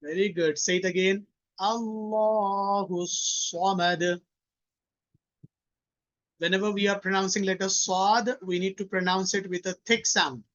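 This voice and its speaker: A man's voice: high voice, steady tone, very slow, hardly any pauses, fairly bright tone. A man teaching children Quran recitation in an online lesson, patiently repeating each phrase for pupils to echo, mixing Hindi and English instructions. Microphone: video call. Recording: dull, lo-fi online call audio.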